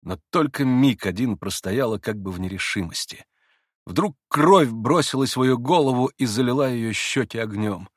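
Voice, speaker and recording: Expressive male audiobook reader. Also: mid-range voice, moderate pace, no room sound, clean studio sound. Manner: expressive literary reading. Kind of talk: scripted narration.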